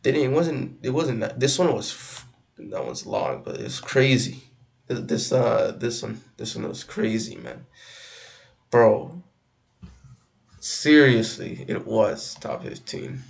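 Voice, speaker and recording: A man chats his way through a reaction video in a relaxed, slangy manner. His voice carries a gravelly fry, and he stumbles and repeats words as he goes. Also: medium pitch. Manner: halting, repeats himself, slangy. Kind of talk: casual reaction commentary.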